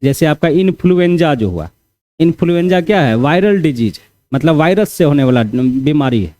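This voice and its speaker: A man with a highish, mellow voice and lively intonation teaches an exam-prep class at normal speed. He is casual and conversational, repeating key points and frequently checking in with students by saying "theek hai."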